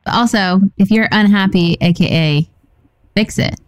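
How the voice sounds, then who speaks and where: A woman co-hosting a podcast in casual chat, blunt and teasing, driving her points home with flat emphasis. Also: medium pitch, a little slow, no room sound. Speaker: podcast co-host.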